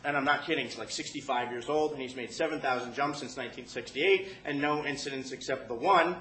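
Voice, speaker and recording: A man's voice: medium pitch, a little fast, echoey room, background noise. A man telling a comic story to a live audience, profane and self-mocking, often laughing while he talks.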